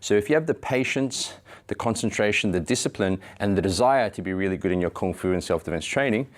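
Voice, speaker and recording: A man's voice: fairly low pitch, expressive, fast talker. A man in his thirties giving an instructional martial arts demonstration, explaining it step by step. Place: indoor training studio. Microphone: lapel mic.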